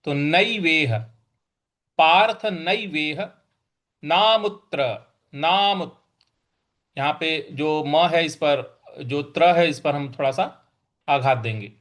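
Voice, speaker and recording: A man with a fairly high voice leads a slow recitation lesson. He spells out each syllable with care and stresses the hard sounds. Now and then he chants the full verse in a sing-song tone. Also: a bit bright. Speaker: scripture teacher.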